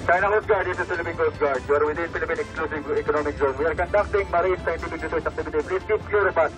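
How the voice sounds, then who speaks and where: A man on a coast guard boat at sea, reading out formal, steady warnings through a megaphone. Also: a little high, quick pace, over music.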